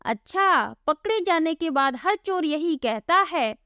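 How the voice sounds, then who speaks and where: A woman voicing gruff male royal soldiers who question and accuse sternly. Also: very high-pitched, animated, takes it slowly, pushed and bright, no room sound, clean studio sound, voice pushed up, full character voice.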